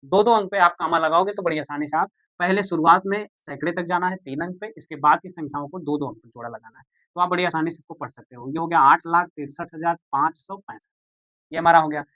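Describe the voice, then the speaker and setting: A man's voice: a little high, steady tone, fast talker, no echo, muffled recording. A man teaching a maths lesson, patient and repetitive, who asks the viewers questions and answers them himself. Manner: patient, repeats steps, calls viewers "beta" and "bhaiya".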